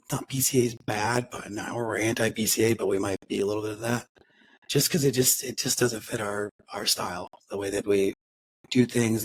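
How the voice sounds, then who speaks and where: A man's voice: lowish voice, slight background noise, rough recording. A man co-hosting a car podcast, chatting casually and rambling, with frequent restarts and acted-out quotes. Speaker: podcast co-host. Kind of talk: casual chat.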